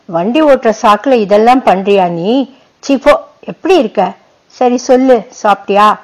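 A woman's voice: fairly high pitch, lightly acted, poor audio. A woman voicing a cheerful, teasing young woman who chats playfully with an old friend. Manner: playful, chatty, quick to laugh.

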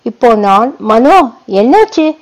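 A woman's voice: a little high, big pitch swings, poor audio. A woman doing a bubbly teasing young woman. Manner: playful, chatty, quick to laugh.

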